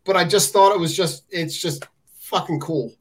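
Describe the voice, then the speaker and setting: A man with a notably high voice chats casually on a podcast among friends. He teaches science and often restarts his sentences, repeating words as he goes. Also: normal speed, a little hiss or hum, low-quality recording.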